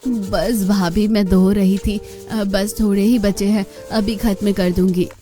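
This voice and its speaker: A woman voicing a weary, overworked mother in a cartoon, speaking softly and meekly. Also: mid-range voice, fairly even intonation, slow, faint music behind, lightly acted. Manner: soft, tired, submissive. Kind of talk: cartoon voice acting.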